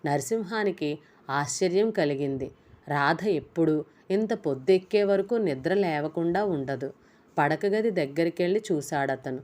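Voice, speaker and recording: A woman narrating a novel chapter in a steady, even storytelling voice. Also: sits low, a little slow. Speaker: audiobook narrator. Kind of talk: reading a novel aloud.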